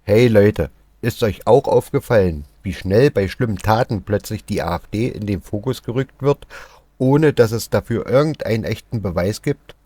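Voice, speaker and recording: A man's voice: lowish voice, lively intonation, moderate pace, dark tone, husky, dry recording. A man hosting a video channel, speaking to viewers in an indignant, sensational tone. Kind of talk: YouTube reaction intro.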